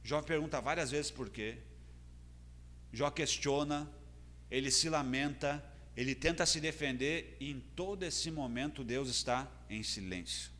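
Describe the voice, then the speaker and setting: A man's voice: mid-range voice, measured pace, bright, forceful tone. A man with a Brazilian Portuguese accent preaching a sermon as pastor, earnest and building in intensity. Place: church hall. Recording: long church hall reverb.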